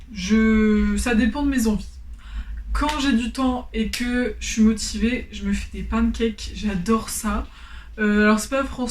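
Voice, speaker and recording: A woman chatting in a casual vlog, rambling along with plenty of enthusiasm. Her voice sits at a middling pitch. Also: a little mellow, roomy sound, slight background noise. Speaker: food vlogger.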